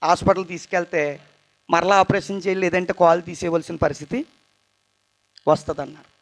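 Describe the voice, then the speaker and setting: A young man telling his personal testimony at a church youth meeting, tired and earnest, his voice moving between loud bursts and quiet asides. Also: high-pitched, fairly even intonation, brisk. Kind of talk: emotional testimony sermon.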